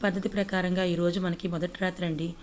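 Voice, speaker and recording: A woman's voice: lowish voice, flat delivery, fast, a little hiss or hum, natural voice. A woman voicing a sarcastic, playful young businessman husband. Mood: teasing.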